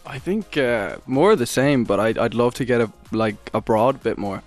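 A man's voice: mid-range voice, animated, moderate pace, faint music behind. A man chatting casually as a musician in an interview. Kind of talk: casual chat.

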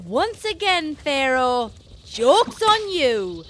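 A woman's voice: sits high, very animated, drawn-out words, a bit bright, a little hiss or hum, exaggerated voice. A woman playing a cheeky, loving young boy with an Irish accent, telling his story earnestly and playfully in a children's radio drama. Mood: sly, defiant.

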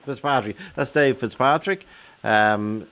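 A man's voice: mid-range voice, unhurried, fairly bright tone. Irish male phone-in host, probing. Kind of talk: casual interview chat.

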